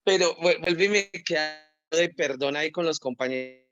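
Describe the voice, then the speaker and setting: A course participant with a Colombian Spanish accent, his voice a little high and fairly bright, asks about a spelling rule at normal speed, hesitating, repeating words and apologizing. The video-call audio is dry and dull, with faint music behind him.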